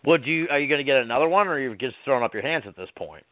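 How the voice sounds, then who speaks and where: A man's voice: mid-range voice, expressive, racing, no echo. A man hosting a casual radio chat, teasing and sarcastic with his guest. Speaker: radio host. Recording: dry phone-like radio sound.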